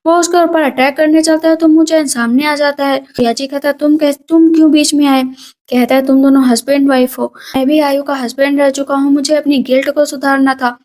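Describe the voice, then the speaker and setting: A woman narrating a drama's plot in a quick, lively retelling, slipping characters' lines into her narration. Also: sits high. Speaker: movie recap narrator. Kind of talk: storytelling plot recap.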